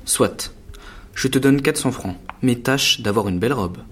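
A meek, well-meaning clerk husband in an audiobook story, voiced by a man. He speaks gently and coaxingly, in a voice of ordinary middle pitch. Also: unhurried, slight background noise, close to an everyday voice. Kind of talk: audiobook dialogue.

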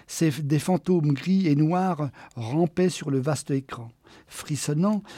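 A man with a fairly high voice narrates a short story as an audiobook. The sound is close and dry, and his reading is expressive, easing off for the quiet passages. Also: dry recording. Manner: expressive, slowing for quiet moments.

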